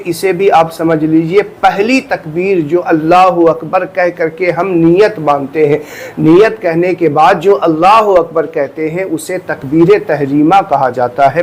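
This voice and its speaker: Guy teaching prayer stuff, kinda high pitched, earnest, spells things out slow. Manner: earnest, explains step by step, repeats phrases; recites phrases slowly and deliberately to demonstrate them. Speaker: religious teacher. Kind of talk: instructional talk on prayer.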